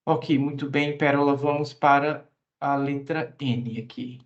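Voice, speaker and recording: A man's voice: mid-range voice, fairly even intonation, a little slow, lo-fi sound. A man teaching English in an online class, patiently explaining grammar at length and asking students questions.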